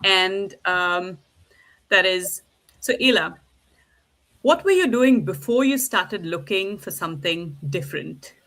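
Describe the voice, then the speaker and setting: A woman's voice: on the low side, expressive, slow pace, pushed and bright. A woman from India hosting a live online panel, upbeat and eager, introducing her guests over a video call. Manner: upbeat, keeps calling things lovely. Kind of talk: live-streamed group discussion.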